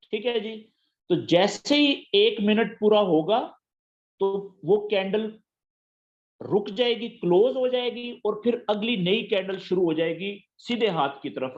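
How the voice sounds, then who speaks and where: A man's voice: high voice, highs cut off. A man teaching a trading app step by step in a patient, repetitive tutorial style. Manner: patient, repeats key terms and checks understanding. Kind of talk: screen-share tutorial.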